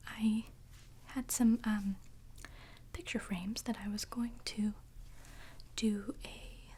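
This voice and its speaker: Female ASMR host; breathy whisper, unhurried delivery, halting short phrases, intimate chat to viewers. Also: mid-range voice, a little mellow. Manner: slow, hesitant, pausing between short phrases.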